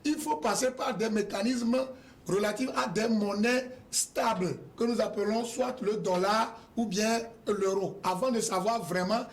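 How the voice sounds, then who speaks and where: High-voiced man searching for words. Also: unhurried. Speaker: panel guest. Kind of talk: TV panel discussion.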